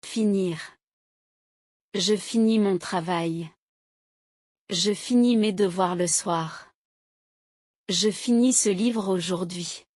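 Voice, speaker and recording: A woman slowly reading short example sentences aloud as a language teacher, each one clearly articulated in a steady drill. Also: medium pitch, no room sound, studio quality. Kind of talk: slow, carefully paced reading of example sentences.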